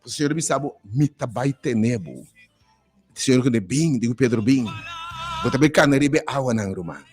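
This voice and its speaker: A man's voice: medium pitch, normal speed, a little mellow, faint music behind. A man, a radio pastor praying fervently for callers in rhythmic repeated pleas. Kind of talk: live radio prayer call-in.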